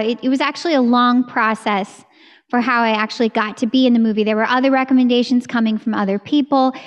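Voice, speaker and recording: An American woman in her thirties, a singer, chats eagerly in a casual video-call interview. Her voice sits a little high and she talks with her hands, close to a studio mic in a room at home. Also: dull audio. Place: home room with curtain backdrop. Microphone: studio mic on a boom arm.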